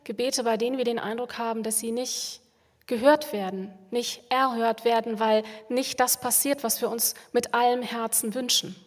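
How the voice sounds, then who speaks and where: A woman speaking as a pastor in a calm, reflective way, repeating phrases for emphasis. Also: a little high, moderate pace. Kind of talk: spiritual reflection on prayer. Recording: long hall reverb.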